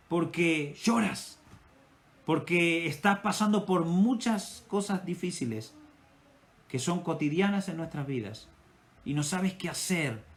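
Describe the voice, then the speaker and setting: A male pastor with an Ecuadorian Spanish accent and a fairly high pitch preaches a sermon. His delivery is impassioned, and his volume swells and falls.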